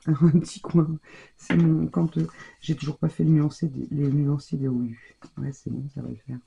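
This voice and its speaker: A woman's voice: sits low, flat delivery, normal speed, gravelly, warm tone, muffled recording, a little hiss or hum. A woman giving casual, chatty commentary on her scrapbooking, thinking aloud as she works. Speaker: scrapbooking crafter.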